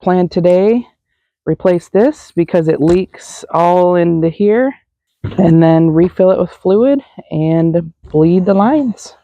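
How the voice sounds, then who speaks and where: A woman's voice: on the low side, takes it slowly, dull audio. Chatty woman hosting a fix-up vlog. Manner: chatty, joking, laughs easily. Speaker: vlog host. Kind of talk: casual project vlog narration.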